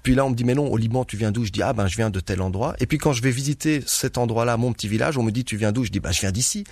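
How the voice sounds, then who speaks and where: A man's voice: mid-range voice, rapid-fire, darkish tone, slightly rough, no echo. A young man, a stage performer raised in Guinea, speaking earnestly as a guest in a radio interview and laughing often as he tells stories.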